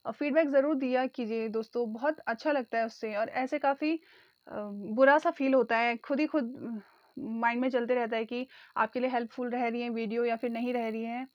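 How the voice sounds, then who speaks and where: High-voiced woman teaching exam prep. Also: steady tone, moderate pace, no echo, highs cut off. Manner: addresses viewers as friends, repeats key answers. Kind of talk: online exam-prep lesson.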